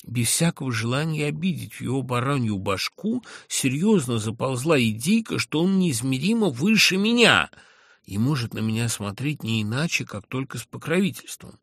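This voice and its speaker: A man giving an expressive reading of classic literature. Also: mid-range voice, normal speed, slightly rough, dry recording, studio quality. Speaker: reader.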